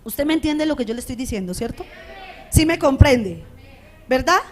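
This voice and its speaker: A middle-aged woman pastor preaching a sermon in a conversational way, often checking in with her listeners, with a strong, loud voice. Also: high-pitched, expressive, normal speed. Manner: conversational preaching, frequent rhetorical checks with the congregation. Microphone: radio studio microphone.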